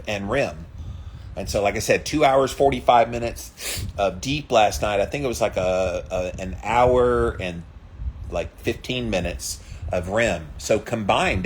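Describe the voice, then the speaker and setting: A man with a somewhat low voice speaks informally to his followers, like a vlogger. He stretches important words for emphasis. There is light noise behind his voice. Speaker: vlogger doing an ice bath challenge. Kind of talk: casual chat to followers.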